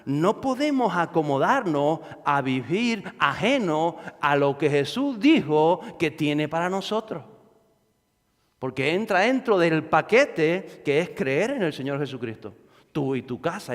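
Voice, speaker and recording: Male pastor, conversational sermon full of rhetorical questions; slightly high voice, church-hall echo. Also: very animated, unhurried.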